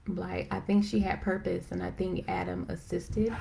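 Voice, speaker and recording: A woman hosting a live stream, chatting casually and excitedly with lots of fillers, rambling as she goes. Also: lowish voice, gravelly, slight background noise. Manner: excited, self-described as talking fast. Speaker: host of a live video chat. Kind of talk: casual faith-based chat. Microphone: phone or computer for a live stream.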